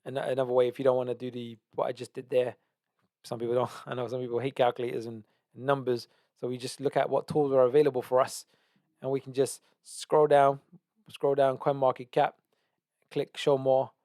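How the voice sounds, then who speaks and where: A man's voice: medium pitch, darkish tone, no echo, clean studio sound. A man teaching trading, walking through a chart analysis with emphatic repetition and frequent "right?" checks. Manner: emphatic, repeats key words, asks "right?". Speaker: trading educator. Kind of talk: screen-share market analysis.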